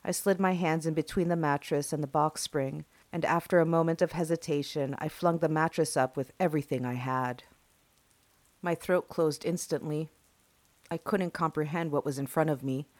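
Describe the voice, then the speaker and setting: A woman with a notably low voice narrates a first-person horror tale. Her delivery is slow and hushed, and it leans into suspense. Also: fairly even intonation, no room sound.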